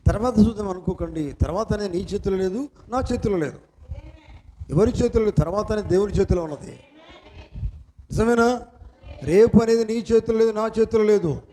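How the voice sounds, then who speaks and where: A man's voice: high-pitched, mellow, a little hiss or hum. A man preaching a sermon as pastor, asking the congregation questions and punctuating with hallelujahs and amens. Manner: call-and-response preaching, frequent hallelujahs and amens.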